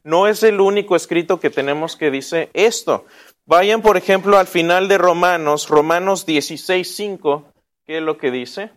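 A man leads a Bible lesson in a high voice. He talks casually, asks the class questions and often answers them himself. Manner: casual, with restarts and asides.

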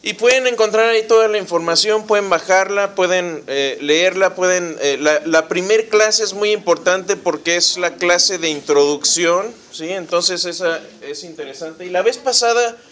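High-voiced man teaching a church class. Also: moderate pace, few pauses, fairly bright tone. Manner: conversational, asks the class questions; frequent restarts and fillers. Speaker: Bible study teacher.

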